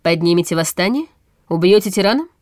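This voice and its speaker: Picture a bitter, sharp-tongued nobleman from an audiobook, as a woman reads him. He snaps and scoffs in a rather low voice, and the recording is close and dry. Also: expressive, fairly quick, no room sound, close to an everyday voice. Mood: mocking. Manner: snappish, scornful. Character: bitter sharp-tongued male vice-chancellor.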